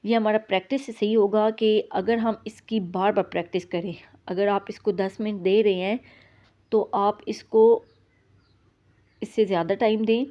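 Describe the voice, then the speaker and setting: A woman teaching beginners how to pronounce letters. Her pitch sits in a middle range, and she draws each letter out slowly between plain explanations. The recording sounds slightly dull and lo-fi. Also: fairly even intonation, mellow. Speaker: Quran tajweed teacher. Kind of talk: lesson.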